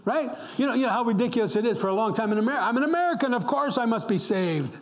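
In church, a middle-aged pastor from upstate New York preaches an impassioned sermon in a very high, expressive voice at a very fast pace. He repeats words for emphasis and sometimes falls to a whisper.

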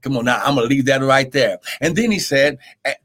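A man's voice: mid-range voice, a little fast, a bit bright, slightly rough. A man preaching an impassioned live-streamed Bible sermon, exhorting emphatically with repeated phrases and drawing out scripture for weight.

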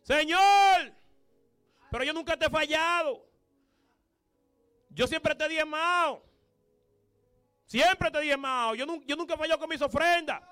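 Preacher doing a high, whiny churchgoer pleading with God, aggrieved and self-justifying. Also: male voice, a little slow, long pauses, bright, forceful tone, soft background music, full character voice.

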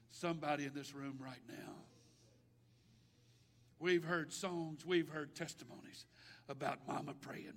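A man preaching a sermon, swinging between shouts and hushed lines, with folksy grammar. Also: a little high. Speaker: pastor. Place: church sanctuary. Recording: long reverb of a large hall.

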